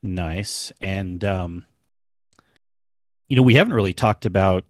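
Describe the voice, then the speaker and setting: Host, male, deeper tone, relaxed and chatty, dry close sound. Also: takes it slowly, no room sound. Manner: easygoing, laughs often, many fillers. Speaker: podcast host. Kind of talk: casual podcast chat.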